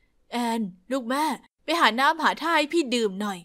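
A woman voicing a gentle middle-aged mother who speaks softly and slowly. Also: high voice, animated.

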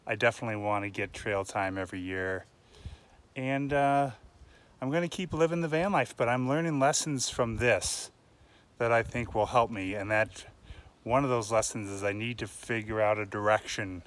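A man's voice: fairly low pitch, normal speed, fairly bright tone. A man in his thirties talking casually to a phone held at arm's length while hiking on a wooded trail, reflective and full of fillers. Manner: chatty, reflective, with many "uh" fillers. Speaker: vlogger. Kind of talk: casual selfie vlog. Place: outdoors on a wooded mountain trail.

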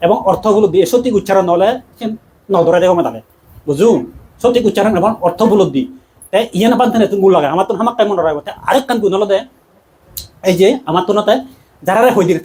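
Monk guy doing a dhamma talk, quick chatty preaching, pretty high voice. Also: darkish tone. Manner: quick, conversational preaching in regional dialect, with laughs. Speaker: Buddhist monk.

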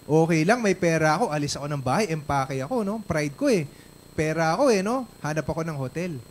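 A man's voice: on the high side, expressive, a little fast, slight background noise. Chatty Filipino man telling a story. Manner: chatty, tags lines with "no?" and "di ba?". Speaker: guest speaker at a company event. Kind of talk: storytelling testimony on stage.

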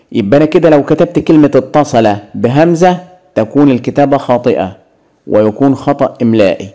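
Egyptian man teaching with a mellow voice. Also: medium pitch. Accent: Egyptian Arabic. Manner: asks questions and answers them himself. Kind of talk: Arabic grammar lesson.

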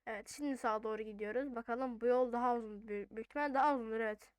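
High, clear gamer voice, female. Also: steady tone, rapid-fire, no echo. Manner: informal, thinking aloud. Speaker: gaming video host. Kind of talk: casual gameplay commentary.

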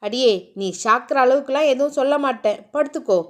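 A woman voicing a gruff but caring young husband in a storybook reading, speaking in clipped, lowered commands. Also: fairly quick, natural voice. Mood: tender.

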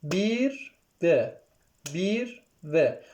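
A kemenche teacher with a high-pitched, darkish male voice and big pitch swings speaks very slowly, with slight background noise. He counts beats and sings note names aloud during a music lesson, addressing students directly and checking "okay?".

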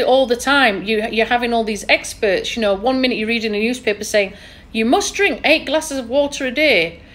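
A woman's voice: a little high, fairly bright tone. A woman with a thick Yorkshire accent, hosting a casual interview in a chatty, opinionated, emphatic way. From England. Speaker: podcast host.

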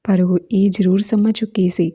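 A woman narrating a serialized novel as a storybook reading, in a calm, steady manner. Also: medium pitch, normal speed, husky.

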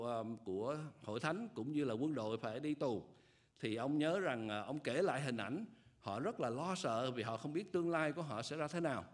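An older man preaching a sermon at a church pulpit, speaking in a measured, earnest way with frequent hesitation fillers. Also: medium pitch. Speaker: pastor. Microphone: pulpit microphone.

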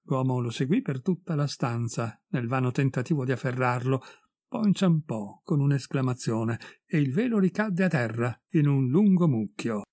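A man reading a ghost story aloud as an audiobook, voicing the characters with raised pitch and emphasis. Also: lively intonation, moderate pace, darkish tone, no room sound, clean studio sound. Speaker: audiobook reader. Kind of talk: expressive audiobook narration.

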